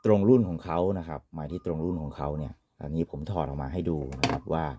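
A man's voice: extremely low pitch, steady tone, fast, darkish tone, husky, dry recording. A man giving an informal, polite product demonstration as an equipment reviewer, often ending phrases with courtesy particles.

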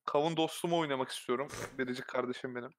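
A man's voice: mid-range voice, fairly even intonation, racing, a little hiss or hum. A man bantering casually as a player in an online board game, teasing and slangy.

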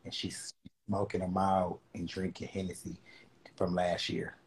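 A man in casual comedic banter, gossiping in a low murmur and drawing out his words. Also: monotone, a little slow, a little hiss or hum, poor audio.

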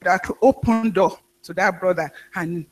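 A woman pastor preaching a sermon, telling a story in a halting way with frequent restarts. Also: on the low side, a little mellow.

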